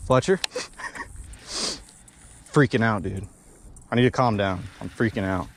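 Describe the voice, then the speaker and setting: A young man vlogging while bank fishing at a pond outdoors, talking in excited slang and bursting into shouts. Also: lowish voice, measured pace. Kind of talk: excited outdoor vlog commentary.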